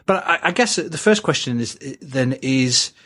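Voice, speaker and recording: A man hosting a podcast interview, his speech loose and conversational with the odd "um". His voice is husky, at a middle pitch for a man. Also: expressive, unhurried. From United Kingdom. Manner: conversational, with frequent "um" and warm laughs. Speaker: podcast host. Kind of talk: casual interview.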